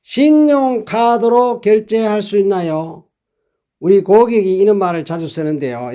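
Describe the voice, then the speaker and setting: A man with a notably high voice leads an English lesson. He speaks unhurriedly, explaining each phrase step by step and saying it again slowly so learners can repeat after him. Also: a little mellow. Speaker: English teacher.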